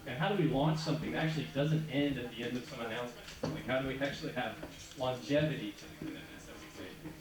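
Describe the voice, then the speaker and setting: A man's voice: mid-range voice, fast talker, a crowd in the background. Man moderating in an echoey hall. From United States. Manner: relaxed, conversational, informal fillers. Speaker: panel moderator. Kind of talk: casual panel moderation. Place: large conference hall. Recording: echoey hall from far off with audience.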